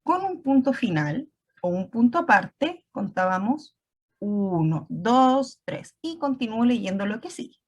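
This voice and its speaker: Woman teacher, lively voice. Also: on the high side, moderate pace, breathy edge, dull audio. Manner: explains step by step, often checks with "¿ya?". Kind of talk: recorded online class.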